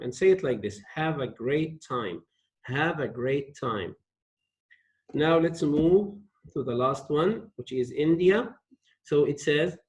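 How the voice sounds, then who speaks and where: A male English teacher slowly explaining a textbook lesson, repeating key phrases for his students. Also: fairly high pitch, poor audio. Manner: slow, repeats phrases for learners.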